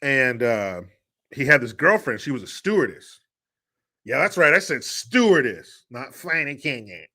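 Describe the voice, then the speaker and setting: Man, live streamer, relaxed profane banter, bright clear voice, mid pitch. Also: moderate pace. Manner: laid-back, profane banter. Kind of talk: casual live stream chat reading viewer messages.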